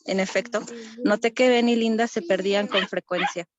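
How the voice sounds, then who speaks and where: A woman student, reading a story aloud in class, steady and careful. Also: mid-range voice, moderate pace, highs cut off.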